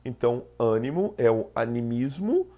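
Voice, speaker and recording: A man's voice: medium pitch, sing-song, moderate pace, highs cut off. A Brazilian Portuguese-speaking man teaching an exam prep lesson, explaining step by step and checking in with "tá?" after each point.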